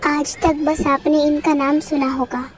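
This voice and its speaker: A woman's voice: high-pitched, level tone, unhurried, poor audio. Woman doing a formal, announcing teacher. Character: formal teacher introducing the principal.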